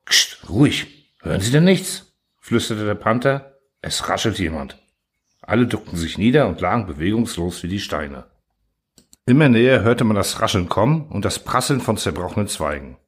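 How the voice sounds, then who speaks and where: A man reading a literary tale aloud as a podcast storyteller, with expressive narration. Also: lowish voice, normal speed, husky. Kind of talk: scripted narration.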